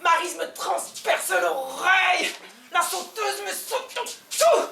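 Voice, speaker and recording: A woman with a Belgian French accent performing a theatrical stand-up monologue on stage, swinging between loud outbursts and hushed asides. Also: very high-pitched, lively intonation, takes it slowly, creaky, faint music behind. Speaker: comedian. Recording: echoey hall, voice from far off, faint ambience.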